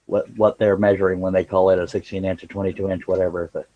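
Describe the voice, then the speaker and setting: A man with a fairly low voice hosts a live craft stream. He talks casually while he works, in a folksy, joking way. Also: flat delivery, quick pace, muffled recording, a little hiss or hum. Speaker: livestream host, scroll saw craftsman.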